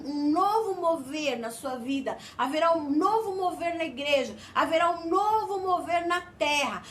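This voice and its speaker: A woman's voice: very high voice, fairly bright tone, a little hiss or hum. A Brazilian woman preaching a fervent sermon, often calling out "Amém?" to her listeners. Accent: Brazilian Portuguese.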